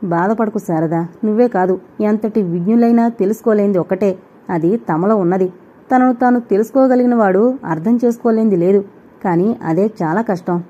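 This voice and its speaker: Audio-novel husband, calm and philosophical, gently consoling, read by a woman, mellow and lower, lo-fi. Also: normal speed, slightly rough. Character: calm, wise husband consoling his dying wife. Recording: dull lo-fi recording.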